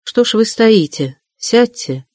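A man's voice: sits high, animated, slow pace, a little mellow, no echo, voice pushed up. A man reading an audiobook, voicing a brooding young man with curt, clipped questions, close to his own voice.

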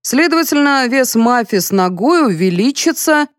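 A woman playing a portly, self-important male police colonel in an audiobook, lecturing everyone in a condescending, bossy tone. The voice sits raised and loud, pushed with emphasis, in a dry, close recording. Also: a little high, lively intonation, normal speed, no echo, pitched above the performer's own voice, lightly acted. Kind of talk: audiobook character voice.

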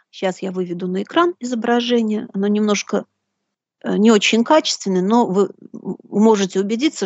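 A woman giving a deliberate, didactic lecture in bookish phrasing, reading out quotations as she goes. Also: medium pitch, darkish tone, dry recording, highs cut off. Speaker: lecturer hosting a live broadcast.

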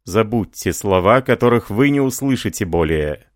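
A man's voice: lowish voice, expressive, normal speed, no echo, clean studio sound, natural voice. A man playing an ardent, devoted young French lieutenant who speaks fervently and pleadingly.

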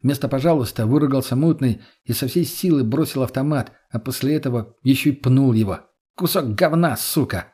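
A man narrating a story in the first person, steady and matter-of-fact. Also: medium pitch, brisk, few pauses, slightly rough. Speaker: audiobook narrator.

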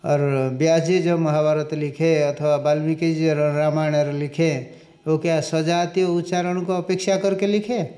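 A man giving a scripture lecture, reciting Sanskrit lines slowly and explaining them, asking questions and answering them himself. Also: on the high side, flat delivery, warm tone. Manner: slow and deliberate, recites Sanskrit and explains it in Hindi. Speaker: Vedanta teacher.

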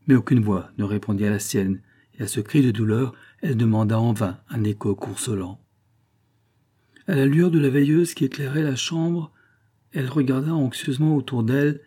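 A man narrating a classic novel as an audiobook in a measured, dramatic reading. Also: fairly low pitch, dark tone, husky.

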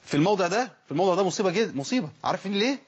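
A man with an Egyptian Arabic accent teaches Quran pronunciation at a quick clip, his voice slightly husky. He breaks into slow, stretched recitations to demonstrate each sound. The recording is dull and lo-fi. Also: sits high. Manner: lively, demonstrates recited words slowly and stretched. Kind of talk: Egyptian colloquial lesson on letter pronunciation.

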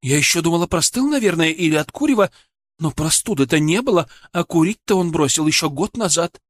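A woman's voice: on the low side, lively intonation, fairly quick, no echo, clean studio sound, voice pushed up. A man voicing a frightened woman in her fifties, the anxious wife of a hospital patient, who speaks with a trembling voice. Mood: eager. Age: 50s.

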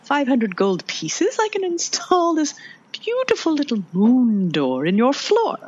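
A woman voicing a female door saleswoman with a husky voice and giggly sales patter. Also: high voice, huge pitch swings, unhurried, darkish tone, highs cut off, exaggerated voice. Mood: salesy. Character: female moon door saleswoman, chirpy pitch.

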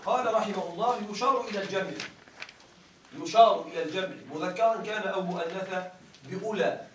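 Man teaching grammar, high voice, reads a text then explains, asks if listeners follow, distant mic in a reverberant room. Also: fast talker, a bit bright, slight background noise. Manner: often checks that listeners follow. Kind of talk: grammar lecture, reading and explaining a classical text.

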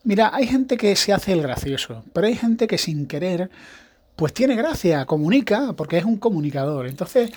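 A man's voice: high voice, sing-song, normal speed, darkish tone. A man hosting a podcast, talking in a rambling, casual monologue with frequent restarts. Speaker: podcast host; evangelical pastor.

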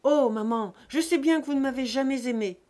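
A woman voicing a furious, jealous young male peasant who shouts and rants. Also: high voice, fairly quick, voice pushed up, lightly acted. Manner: shouting, ranting.

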